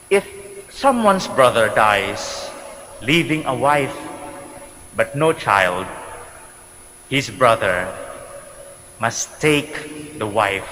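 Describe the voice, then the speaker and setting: A man serving as priest, proclaiming a gospel reading in a slow, measured way, his voice ringing with a cathedral echo in a large church. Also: mid-range voice, sharp tone, a little hiss or hum. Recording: long church reverb.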